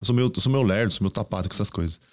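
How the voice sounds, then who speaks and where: A man's voice: lowish voice, rapid-fire, no room sound, clean studio sound. A man of about thirty with a Brazilian Portuguese accent, a guest chatting on a podcast and telling his stories with quoted asides. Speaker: guest, Korean teacher. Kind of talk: casual podcast interview. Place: podcast studio.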